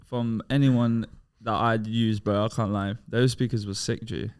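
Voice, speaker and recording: Young man, British accent, smooth clean voice, slangy sweary banter, podcast co-host. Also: fairly low pitch, level tone, a little slow.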